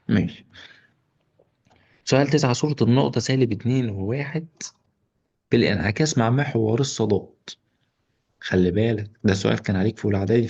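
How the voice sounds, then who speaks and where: A man's voice: medium pitch, creaky, a little mellow, husky, lo-fi sound. A male math teacher with an Egyptian accent, walking through an exam's solutions with joking asides to students. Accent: Egyptian Arabic. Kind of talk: exam solution walkthrough.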